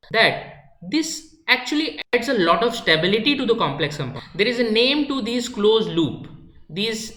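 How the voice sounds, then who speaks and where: A woman's voice: mid-range voice, a bit bright. A woman giving a chemistry lecture, explaining step by step and repeating key points, slipping into Hindi now and then. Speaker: chemistry teacher. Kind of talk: classroom lecture. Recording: echoey room.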